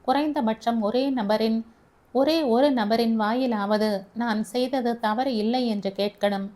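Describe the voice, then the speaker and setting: Female audiobook reader for an emotional first-person family novel, earnest, slightly high pitch. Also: a little mellow. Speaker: audiobook narrator.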